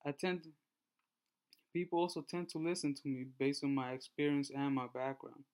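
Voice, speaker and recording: A man in his twenties from Honduras, giving a class presentation and reading through his slides in a measured way with small restarts. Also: a little high, a little mellow, clear, resonant tone. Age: 20s. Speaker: student presenter.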